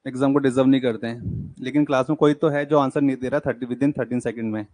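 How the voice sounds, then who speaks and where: A young man teaching an exam-prep class, working through puzzles by counting digits aloud, briskly urging students on. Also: mid-range voice, steady tone, darkish tone, no room sound. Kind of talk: live classroom lecture.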